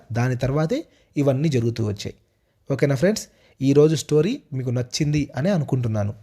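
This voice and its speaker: Man telling a ghost story, mellow. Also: mid-range voice. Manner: casual, repetitive retelling with hesitant restarts. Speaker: storyteller host. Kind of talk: first-person ghost story narration.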